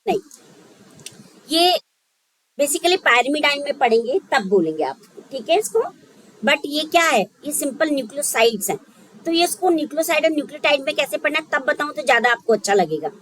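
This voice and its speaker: Hindi-speaking woman teaching biology, high voice. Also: very animated, brisk, fairly bright tone, rough recording. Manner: checks in often with the class, thinks aloud. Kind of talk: exam-prep lecture.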